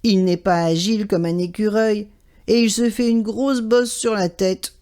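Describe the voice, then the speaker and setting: A woman telling a children's story aloud in an expressive, animated way. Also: mid-range voice, measured pace.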